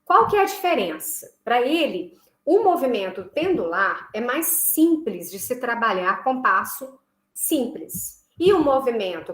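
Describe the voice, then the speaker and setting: A woman teaches a music lesson, explaining step by step and pausing to check that her students follow. Her voice sits a little high, and she slowly chants rhythm syllables to demonstrate. The room gives her voice a noticeable echo. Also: fairly bright tone. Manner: explains patiently, checks in with frequent "tá?". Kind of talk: recorded online class. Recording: echoey room.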